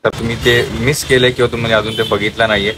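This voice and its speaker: A man's voice: on the low side, flat delivery, fast, noisy background. A man narrating a casual home vlog and chatting to his viewers as friends. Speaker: vlogger.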